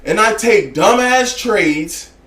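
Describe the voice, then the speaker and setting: A man gives blunt, slangy talk about trading, full of swearing and "you get what I'm saying." His voice sits fairly high. The room around him is echoey. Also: expressive, slow, a bit bright. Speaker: trading educator. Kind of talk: casual profane trading talk.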